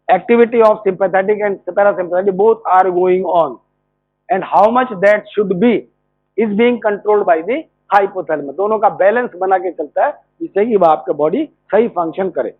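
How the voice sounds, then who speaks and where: Man, measured classroom explainer with a high voice; dry, tinny phone-quality audio. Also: dry recording. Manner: explanatory, poses rhetorical questions and answers them. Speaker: medical college lecturer. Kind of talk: classroom lecture.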